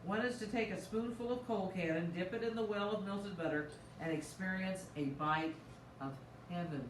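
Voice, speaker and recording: A chatty, excitable woman pastor co-hosts a casual cooking stream from a church kitchen. Her voice sits at a middle pitch, and a faint hiss runs underneath. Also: normal speed, roomy sound, distant mic. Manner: chatty and excitable, reads recipe lore aloud. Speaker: pastor and cooking show co-host. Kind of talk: casual cooking chat, reading aloud.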